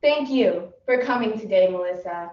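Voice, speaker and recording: A woman's voice: mid-range voice, animated, normal speed, dull audio, pitched below the performer's own voice, lightly acted. A young woman performing a prim, impatient casting director who gives clipped, dry instructions, heard in an echoey room from a distant mic. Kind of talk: competitive humorous interpretation.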